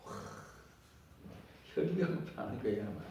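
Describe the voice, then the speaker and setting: A man's voice: fairly low pitch, very animated, measured pace, mellow, slight background noise. A man preaching a sermon to a congregation. He is emphatic and repeats phrases, and he leads the listeners in call-and-response. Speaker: pastor. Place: church sanctuary. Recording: very echoey church hall, distant mic.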